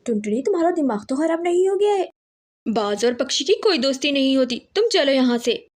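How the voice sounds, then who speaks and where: Lady voicing a worried cartoon crow girl, higher and pleading. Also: animated, a little fast. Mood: scolding. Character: wary loyal female crow friend.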